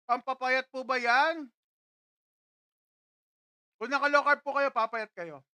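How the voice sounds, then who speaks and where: High, slow-talking woman live stream host. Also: fairly even intonation, bright, forceful tone, no echo. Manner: greets viewers one after another and tastes food on camera. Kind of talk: casual live stream chat reading viewer comments. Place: studio.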